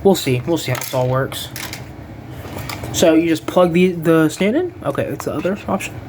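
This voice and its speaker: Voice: medium pitch, moderate pace, a little mellow, slight background noise. An action figure reviewer talking through an unboxing in a rambling, casual way, losing track of names and swearing offhandedly.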